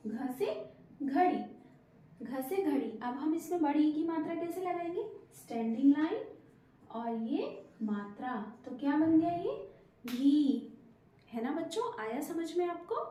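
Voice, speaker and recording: A woman's voice: high-pitched, dark tone. A woman teacher giving a lesson to young children in a sing-song, coaxing way, often asking them questions. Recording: very echoey room.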